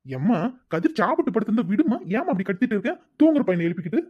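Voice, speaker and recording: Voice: mid-range voice, sing-song, rapid-fire, husky. Voice actor doing a caring elder brother. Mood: coaxing. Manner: coaxing, soothing. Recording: dull lo-fi recording.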